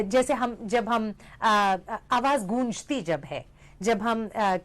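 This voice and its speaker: A middle-aged woman giving a lecture, explaining step by step and often checking in with "right?" and "hmm?". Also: a little high. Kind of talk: lecture mixing Hindi and English.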